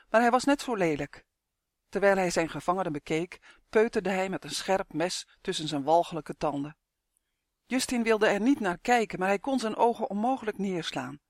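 A narrator reading a children's fantasy story aloud in a steady, expressive manner. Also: mid-range voice, no echo, clean studio sound.

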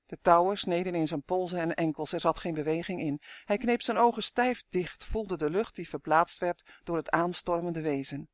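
High-voiced man narrating a storybook. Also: moderate pace, few pauses, no echo, studio quality. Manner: vivid, dramatic reading. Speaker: audiobook narrator.

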